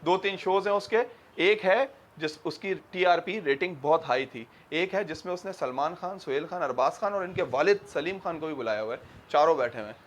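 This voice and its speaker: A man's voice: fairly high pitch, a little fast, few pauses. A male English teacher giving a classroom grammar lesson, quizzing his students as he goes.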